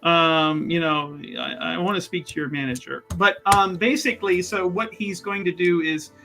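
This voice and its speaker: Soft music sits behind a man whose fairly high voice moves at a moderate pace as he explains his turn in a tabletop roleplaying game. His talk is casual and wordy, and he keeps reshaping his sentences mid-thought.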